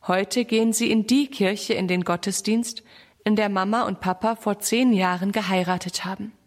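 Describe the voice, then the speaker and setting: A woman reads a children's story aloud. Her narration is even and steady, with a calm storytelling lilt. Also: mid-range voice, normal speed.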